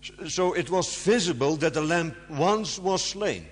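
A man preaching to an audience, stressing key words with sharp rises and sometimes pausing with fillers to find his words. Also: fairly high pitch, animated, husky. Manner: halting, searches for words with fillers. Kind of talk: sermon. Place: large hall before an audience. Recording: long hall reverb.

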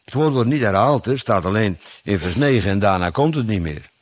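Didactic Dutch-speaking man preaching, lively pitch. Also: brisk, no room sound. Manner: didactic, rhetorical questions, emphatic stresses. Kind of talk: Bible exposition sermon.

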